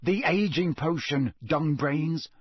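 A man's voice: fairly high pitch, lively intonation, takes it slowly, husky, dry recording, clean studio sound, full character voice. A man voicing a mischievous teenage boy who talks in an eager, gleeful way. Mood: excited.

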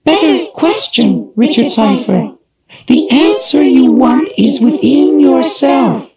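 A man voicing a tiny female night wisp spirit, speaking slowly and gravely, with faint music behind. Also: very high voice, muffled recording, voice pushed up, heavily acted. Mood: ominous. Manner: slow, grave, prophetic.

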